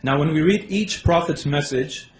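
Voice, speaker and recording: A man from Los Angeles presents his case in a debate. He is slightly nervous, with hesitant starts and sudden quick runs of words. His voice echoes around a hall over faint noise. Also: a little high. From Los Angeles, United States.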